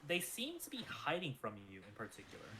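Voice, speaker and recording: Animated man running a tabletop game. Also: fairly high pitch, brisk, noisy background. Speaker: game master.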